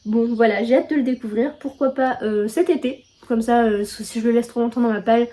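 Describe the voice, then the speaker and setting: A woman's voice: on the high side, fairly even intonation, brisk, warm tone. A young woman from France chatting casually about her monthly book haul, full of filler words and self-deprecating asides. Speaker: book vlogger.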